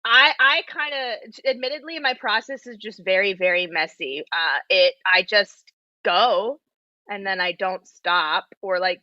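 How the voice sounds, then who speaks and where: A young woman chatting casually as an interview guest, halting and self-deprecating, talking over a video call. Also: fairly low pitch, bright, forceful tone, dry recording. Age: young adult. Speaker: guest playwright. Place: small room at home, indoors. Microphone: computer mic on a video call. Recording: slightly dull video-call audio.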